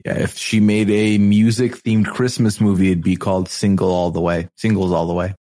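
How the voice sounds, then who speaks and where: A male podcast host with a somewhat low voice chats casually about a TV show. He rambles, jokes and teases his co-host in a playful way. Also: little pitch movement, moderate pace, mellow. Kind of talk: casual chat recapping a TV show.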